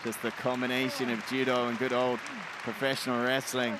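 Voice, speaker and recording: A man's voice: medium pitch, flat delivery, fairly quick. A man giving color commentary on a wrestling match, breaking down holds and technique in an analytical way. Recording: loud arena crowd and noise.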